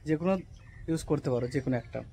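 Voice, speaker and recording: On a rooftop under cloudy skies, a young native Santali speaker casually teaches vocabulary for his vlog. He speaks with a fairly high, warm voice edged with breathiness, slowly stretching and repeating each word and frequently asking "right?" to make sure listeners are following.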